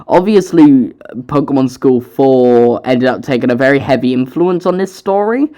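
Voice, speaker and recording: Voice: mid-range voice, expressive, moderate pace, warm tone. Casual, swearing storyteller. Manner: casual, self-mocking, swears often. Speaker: author narrating own audiobook. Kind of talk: storybook narration with joking commentary.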